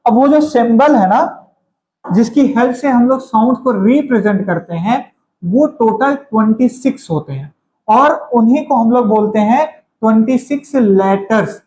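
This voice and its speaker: A man's voice: very high voice, animated, moderate pace, dark tone. A man teaching a grammar lesson, calling his students kids, repeating each point and quizzing them. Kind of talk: classroom lecture. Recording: echoey room.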